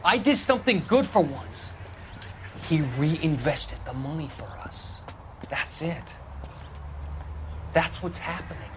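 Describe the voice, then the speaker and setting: Nervous American suspect, high-pitched and pleading. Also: male voice, sing-song, slow, pauses often, noisy background, heavily acted. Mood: defensive, earnest. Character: nervous young male suspect, defensive, pleading, naive. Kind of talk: dramatic video game acting.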